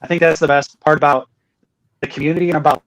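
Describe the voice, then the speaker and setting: A man's voice: on the high side, flat delivery, fast, fairly bright tone, poor audio. A man co-hosting a casual livestream, talking earnestly with emphatic repeats and fillers. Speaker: co-host.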